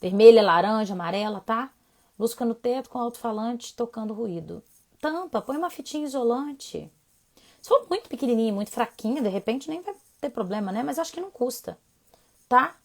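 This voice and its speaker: Animated woman answering live questions. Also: on the high side, brisk. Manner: animated, chatty, swinging between soft asides and emphatic bursts. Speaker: child sleep doctor answering questions. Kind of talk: casual live Q&A. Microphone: phone mic on a social media live stream.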